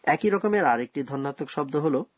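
Husky-voiced man presenting a lesson. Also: on the high side, expressive, no echo, studio quality. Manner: slow, careful explaining of grammar rules. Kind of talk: scripted radio language lesson.

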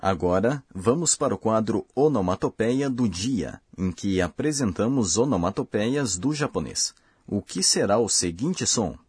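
This scripted lesson comes from a language course host whose voice is husky, low and somewhat dark, yet his intonation stays lively. He explains things slowly and with care, and the audio is dry and intimate, without any room ambience.

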